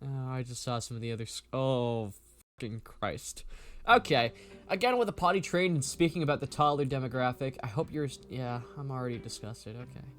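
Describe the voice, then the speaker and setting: A man's voice: mid-range voice, animated, brisk. A man reading through a document aloud and breaking off into frank, incredulous commentary, often swearing. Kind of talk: casual reaction commentary.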